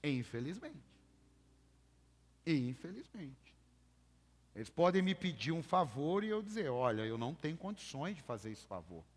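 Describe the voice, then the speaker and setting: A Brazilian-accented man preaching in church, his voice sitting a little high. He drives his points home emphatically and keeps calling on the congregation to repeat after him. The sound carries a long hall reverb. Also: very animated, moderate pace, pauses often. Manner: emphatic, calls for congregation repetition. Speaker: pastor. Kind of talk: sermon.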